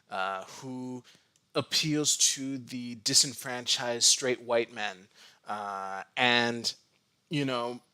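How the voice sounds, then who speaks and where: A man's voice: mid-range voice, bright, forceful tone, no room sound. Male streamer, casual commentary, stop-start and stammering, dry close sound. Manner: halting, many restarts and stammered repeats. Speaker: live streamer.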